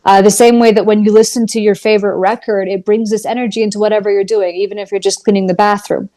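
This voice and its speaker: A woman's voice: mid-range voice, level tone, fast talker, warm tone. A woman in her thirties, a musician guest, talking earnestly and thoughtfully in a casual interview.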